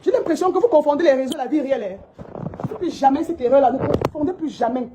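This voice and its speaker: A woman's voice: high voice, quick pace, mellow, slight background noise, rough recording. A woman who owns a shop, giving a heated, scolding monologue to her followers and repeating her points indignantly. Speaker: shop owner vlogging.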